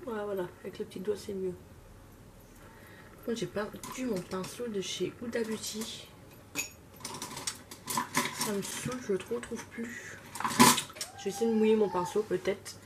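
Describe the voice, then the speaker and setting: A woman's voice: medium pitch, fairly even intonation, unhurried, pauses often. Chatty woman doing her makeup on camera. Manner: chatty, self-mocking, talks while working. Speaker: beauty vlogger. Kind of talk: casual makeup tutorial chat. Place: home, at a makeup table. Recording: distant mic with clear room noise.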